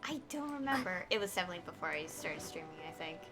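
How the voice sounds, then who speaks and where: A fast-talking woman with a fairly low, animated voice streams her gameplay live. Her commentary is casual and rambling, spoken as she thinks aloud, and game music runs behind her.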